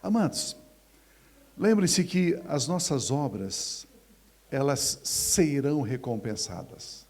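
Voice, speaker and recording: A man preaching a sermon as a pastor, swinging from hushed to loud. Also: mid-range voice, animated, slow pace. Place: church.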